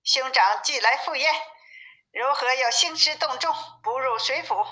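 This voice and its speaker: A scheming turtle-dragon demon lord of the river, haughty and full of himself, as a woman reader puts him on. The voice sits high and bright. It is told in the plain manner of a storybook reading. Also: unhurried, poor audio. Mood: boastful. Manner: haughty, then pleading.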